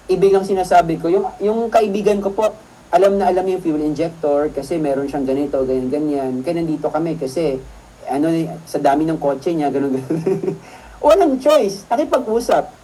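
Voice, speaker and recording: A man's voice: high voice, a little mellow, low-quality recording. A man mentoring a seminar audience in a chatty motivational talk, often checking in with the room and laughing through his own stories. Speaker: network marketing mentor.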